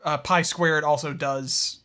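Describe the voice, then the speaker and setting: Brief: male co-host, bright tone, rambling and profane. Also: a little high, fairly even intonation, slow. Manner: rambling, profane, reads news aloud. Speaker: podcast co-host. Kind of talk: casual chat.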